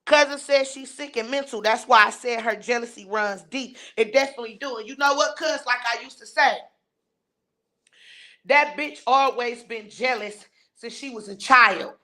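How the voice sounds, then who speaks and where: High, bright-voiced woman ranting. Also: moderate pace. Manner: blunt, profane and scornful, answering chat, laughing in between. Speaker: livestream commentator reading viewer chat. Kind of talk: heated live-stream rant.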